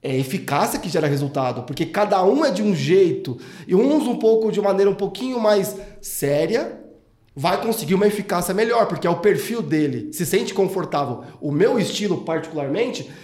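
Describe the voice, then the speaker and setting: Male podcast host, humorous and expansive, lively pitch, echoey room. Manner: joking, expansive, quick. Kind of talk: casual podcast chat. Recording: roomy echo.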